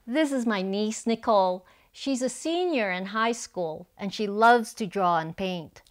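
An older woman from Hong Kong speaks slowly and calmly about her work. Her voice is smooth and clear, recorded close on a lapel mic in a living room. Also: medium pitch. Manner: calm, measured storytelling. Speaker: artist. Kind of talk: documentary interview.

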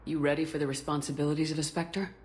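A North American actress playing a composed, supportive military commander in a video game, measured and concise. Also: female voice, low-pitched, little pitch movement, darkish tone, natural voice. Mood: supportive, calm. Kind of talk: naturalistic game dialogue acting.

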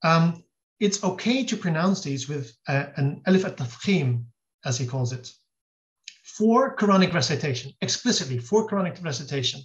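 A man's voice: a little high, expressive, normal speed. A man, a guest scholar, explains at length in an interview, thinking aloud and restarting his sentences. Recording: dull lo-fi audio.

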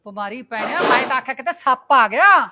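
A woman playing a scolding, suspicious older mother-in-law in a comic family sketch, shrill and nagging. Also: expressive, fairly quick, pushed and bright, slight background noise, full character voice. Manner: shrill nagging, wailing complaints.

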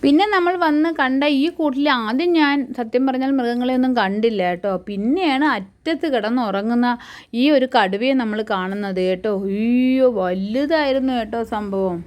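A fairly high-voiced woman speaks a relaxed home-made vlog voice-over. She talks in an easy, chatty way and keeps turning to her listeners to check they are following. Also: moderate pace. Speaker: vlogger and mother. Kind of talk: casual voice-over narration.

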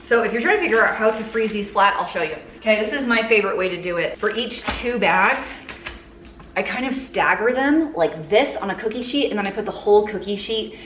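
A woman's voice: medium pitch, expressive, fairly quick, a bit bright. A woman in her thirties chats upbeat and self-mocking as she preps meals in a home kitchen. The room rings with echo, and a faint noise sits under her voice. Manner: chatty, upbeat, self-joking asides. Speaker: cooking vlogger. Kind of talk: casual kitchen vlog talk. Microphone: camera on counter at mid distance.

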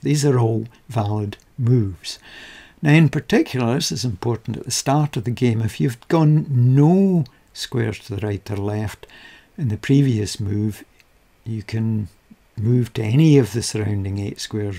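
A man speaking at an unhurried, deliberate pace, with a gravelly, husky edge to his voice. His tone is dark and mellow, and he talks in a measured, methodical way with a touch of dry understatement. It sounds like a close-mic voice-over. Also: on the low side. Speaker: game rules explainer. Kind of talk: slow explanatory voice-over.

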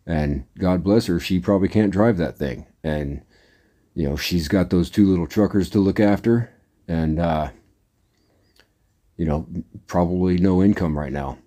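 A middle-aged man talks casually to his audience in a low, mellow voice. He rambles in a plain, down-to-earth way and fills the gaps with "uh" and "anyways." He sounds like a working trucker speaking off the cuff. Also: a little slow, long pauses. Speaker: trucker vlogger. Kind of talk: casual monologue to camera.

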